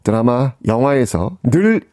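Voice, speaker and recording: A middle-aged man telling history on a radio show, animated and fond of dramatic pauses. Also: mid-range voice, dry recording, studio quality. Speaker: history lecturer guest.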